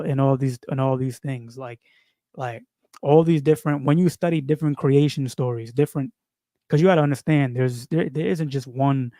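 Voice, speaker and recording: In a mellow, medium-pitched voice with no echo and a dry, close sound, a New York video creator rambles through a casual spiritual monologue. He repeats phrases and leans heavily on fillers and slang.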